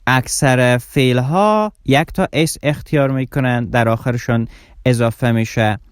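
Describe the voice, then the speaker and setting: A man with a voice teaching English grammar, saying example words slowly and repeating them. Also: mid-range voice, clear, resonant tone, no room sound, clean studio sound. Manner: slow, deliberate example words, repeated for emphasis. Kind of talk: explaining grammar rules.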